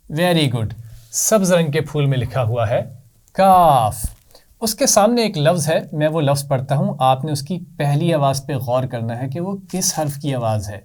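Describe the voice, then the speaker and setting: A man teaching children to read, speaking slowly and patiently and repeating letter sounds for them to echo. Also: on the high side, animated, a little mellow. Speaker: Quran reading teacher for children. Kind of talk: children's lesson.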